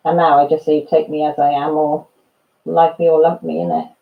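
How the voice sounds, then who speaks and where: This Welsh woman in her fifties hosts a casual live chat, naming viewers and laughing through her stories. She speaks briskly in a low, level, creaky voice, and the sound is phone quality.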